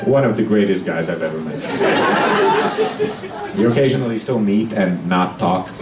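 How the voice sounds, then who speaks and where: Low-voiced and performing before a loud crowd, a young comedian from Hungary works through a live stand-up set that's conversational and halting, full of acted-out dialogue. A far-off camera records his handheld stage mic in a small, dark, echoey club packed with noisy audience members.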